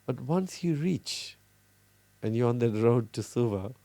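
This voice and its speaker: A middle-aged man from Fiji, a cardiologist, talking earnestly in an interview with many pauses and restarts. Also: medium pitch, lively intonation, dark tone, no echo. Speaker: cardiologist guest. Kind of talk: casual interview talk.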